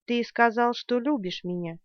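Audiobook: woman reads a harsh, commanding young woman, forceful, dry slightly dull recording. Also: a little high, normal speed, dry recording, lightly acted. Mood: insistent. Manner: forceful, shouting. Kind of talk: audiobook character reading.

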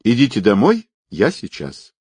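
Guy reading as cool young guy, curt and offhand, low husky voice. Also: huge pitch swings, a little slow, a little mellow, dry recording, full character voice. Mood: unflappable. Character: teasing, unflappable young man.

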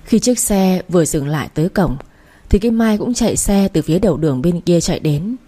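A woman reads a first-person story aloud in a steady, emotional way. Her voice sits low, husky and mellow. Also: fairly quick. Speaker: narrator.

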